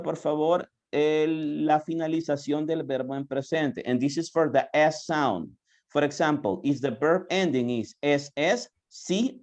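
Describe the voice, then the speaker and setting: Slow, patient teacher. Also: medium pitch, a little mellow. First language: Spanish. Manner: repeats words slowly, coaxing students to answer. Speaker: English teacher. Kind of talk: online class, mixing English and Spanish. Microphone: video call.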